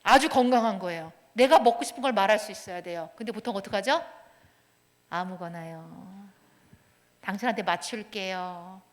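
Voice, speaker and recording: A woman counselor giving a lecture in a church, lively, acting out everyday dialogue and dropping to a hushed whisper for emphasis. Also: medium pitch, fast, hardly any pauses, big-room sound. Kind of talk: lecture to young adults. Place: church hall.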